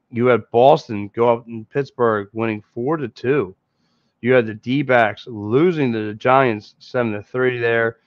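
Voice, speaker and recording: Clear and resonant at medium pitch, the voice comes from a podcast host in his thirties with a Philadelphia accent who rambles through a casual postgame sports talk, repeating and restarting often. He records on a headset mic in a small room with a green screen behind him. The audio is dull, lo-fi and dry, free of echo.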